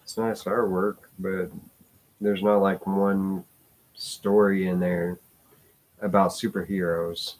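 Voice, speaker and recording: A man with a deep, low-pitched voice talks his way through a casual vlog. He rambles and restarts, hunting for words, and drops in the occasional curse. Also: flat delivery, slow pace, long pauses, darkish tone. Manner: rambling, hesitant, with many fillers and restarts; swears casually. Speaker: vlogger.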